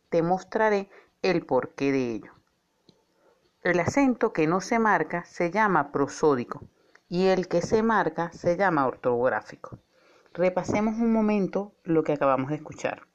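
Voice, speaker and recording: A woman gives a scripted lesson as a teacher, her delivery clear and measured, slowing to stress the words that matter. Her voice sits on the low side and is expressive, though the recording is muffled.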